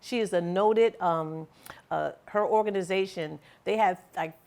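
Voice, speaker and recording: Gravelly low-voiced New woman. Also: a little slow, a little mellow. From United States. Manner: earnest, emphatic storytelling. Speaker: guest. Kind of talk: casual interview.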